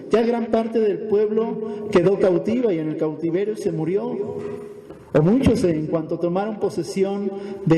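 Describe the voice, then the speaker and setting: A man's voice: high-pitched, dark tone. A man preaching a sermon as pastor, asking rhetorical questions and tagging on "¿verdad?", recorded in a church hall.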